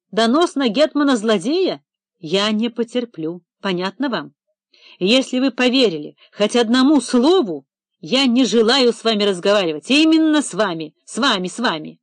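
A woman doing a theatrical middle-aged office manager in an audiobook, indignant and excitable, voice shaking. The sound is dry and close, with no room around it. His pitch jumps higher whenever he protests. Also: dry recording. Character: nervous, theatrical middle-aged male administrator. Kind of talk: audiobook character reading.

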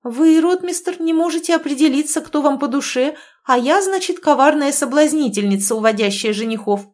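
A woman playing a proud young noblewoman, haughty, quick-tempered, raised pitch, sharp indignant retorts, audiobook. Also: natural voice.

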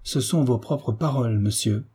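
A man's voice: medium pitch, moderate pace, dark tone, husky. A man reading a proud, ambitious nobleman in a French audiobook, with formal, tense politeness. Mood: stiffly polite.

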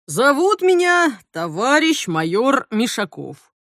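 A woman voicing a weary, stern male police major who talks in a gruff, official way. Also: high voice, very animated, slow, a bit bright, no echo, clean studio sound, full character voice.

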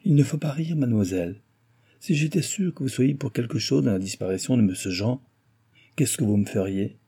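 A man voicing an earnest young valet who pleads and insists in a storybook reading, with a raised, husky voice. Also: medium pitch, animated, a little fast, warm tone. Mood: insistent.

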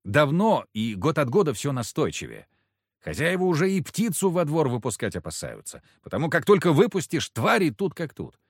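A man's voice: on the high side, moderate pace, dry recording, studio quality. A man reading a first-person story aloud, narrating expressively. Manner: expressive, does character voices. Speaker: audiobook reader. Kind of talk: scripted narration.

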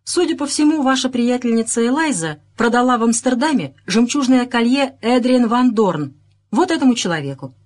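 A woman's voice: a little high, animated, moderate pace, voice pushed up. A woman voicing an irate male police inspector who barks orders. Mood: commanding. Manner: barking, shouting orders.

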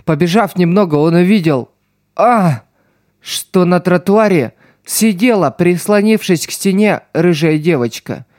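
A man narrating an audiobook in a measured, dramatic way. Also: sits high, lively intonation, a little mellow, dry recording, studio quality. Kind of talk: audiobook reading.

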